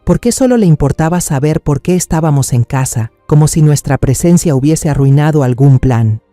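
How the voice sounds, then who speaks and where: A man reads a dark family story in a measured, suspenseful way. His voice is very dark and mellow, pitched a little high. The recording is dry and close, with soft music beneath it. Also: expressive, dry recording. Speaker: narrator. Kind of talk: dramatic story narration.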